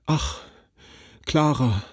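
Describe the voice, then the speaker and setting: A man's voice: medium pitch, normal speed, warm tone, slightly rough, dry recording, clean studio sound, natural voice. A man reading a storybook voices an anguished, volatile young man who sighs and pleads. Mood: despairing. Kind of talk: audiobook character reading.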